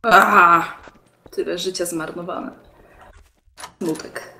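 A woman's voice: fairly low pitch, fairly even intonation, takes it slowly, bright, forceful tone. A woman playing an online game with friends, laughing often with playful disbelief. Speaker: gaming guest. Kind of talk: casual gaming chat.

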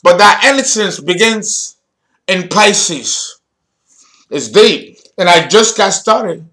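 A man's voice: high voice, animated, takes it slowly, pushed and bright. A man hosting a video lecture as an astrology teacher, playful and theatrical, breaking off into jokes and laughter. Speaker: astrology teacher and channel host.

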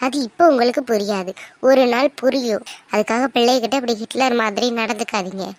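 A woman's voice: fairly high pitch, fairly quick, close to an everyday voice. A woman as a worried scolding cartoon mother. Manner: reproachful, complaining. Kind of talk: cartoon voice acting.

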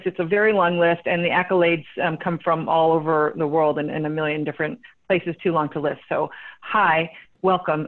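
A woman hosting a casual live webinar over a video call, bubbly and chatty, with frequent laughs and fillers. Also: mid-range voice. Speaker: host and company CEO. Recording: tinny phone-like line.

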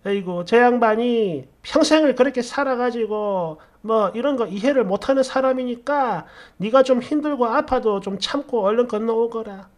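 A man's voice: very high voice, normal speed, hardly any pauses. A man voicing a worried older mother-in-law who sighs and coaxes. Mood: anxious coaxing. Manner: sighing, coaxing, pleading. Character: fretting older woman, an anxious mother-in-law.

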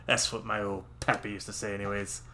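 A man's voice: fairly low pitch, level tone, normal speed, vocal fry, pushed and bright, a little hiss or hum. A man putting on a hammy pirate fisherman. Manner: growling "yar" pirate voice, hammy. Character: gruff old male pirate-talking fisherman.

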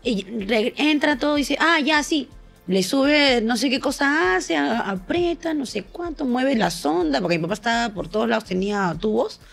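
Lively woman telling stories, higher voice. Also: normal speed, creaky, few pauses, faint music behind. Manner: animated storyteller, acts out voices, laughs often. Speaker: podcast co-host. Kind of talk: casual comedic chat.

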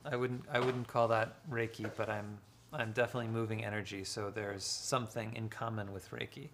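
A man speaking as a guest author, talking slowly and deliberately in a live social-media conversation. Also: on the low side, little pitch movement, background noise. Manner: slow, deliberate and measured.

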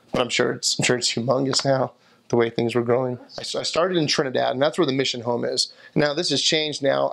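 A man in his thirties answers an interview question while seated in an armchair indoors. His gravelly voice stays flat and even, and he rambles through restarts and small fillers as he remembers. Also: medium pitch. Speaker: returned missionary interviewee.

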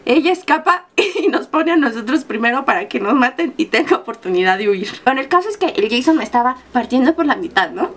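Young Mexican woman, high voice, lively vlog storyteller who acts out voices and screams. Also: fairly quick. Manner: animated, acts out her own screams and quoted lines in a higher voice. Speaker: vlogger. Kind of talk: casual storytelling.

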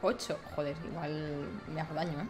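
A woman with an accent from Spain improvising casual role-play in an online game, blunt and quick to swear. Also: sits low, fairly even intonation, darkish tone, faint music behind.

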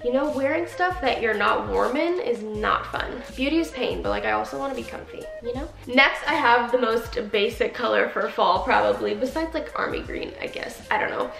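A woman's voice: a little high, moderate pace, creaky, hardly any pauses, fairly bright tone, faint music behind. Echoey, chatty young woman in an empty room. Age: young adult. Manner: chatty, gushing, frequent "like". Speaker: fashion haul vlogger. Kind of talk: casual chat to camera. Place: small unfurnished carpeted room, indoors.

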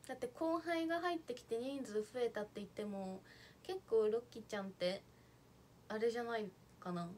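A woman's voice: on the high side, fairly quick, darkish tone, a little hiss or hum. A young woman chatting casually on a livestream, reading out viewer comments and thanking them as she goes. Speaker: idol livestreamer.

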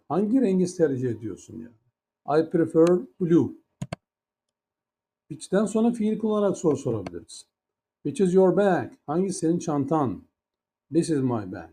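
A man's voice: a little high, warm tone. A man teaching an English grammar lesson in Turkish, with a Turkish accent in English. He explains patiently, step by step, and asks many rhetorical questions.

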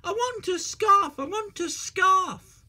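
A reader voicing a cheeky, excitable little tank engine in a storybook, speaking high and chanting. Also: takes it slowly, heavily acted. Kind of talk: storybook reading.

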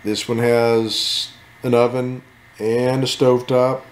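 In an echoey room, a man with a medium-pitched voice speaks slowly and evenly as he casually strolls through a camper at an RV show. He's hosting an RV channel, offering laid-back walkthrough commentary with joking asides.

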